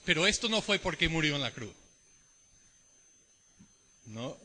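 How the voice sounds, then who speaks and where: Bright-voiced American preacher speaking Spanish. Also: male voice, high voice, big-room sound. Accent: American with Ecuadorian Spanish mix. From United States. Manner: asks the congregation questions. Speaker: visiting preacher. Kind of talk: sermon. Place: church.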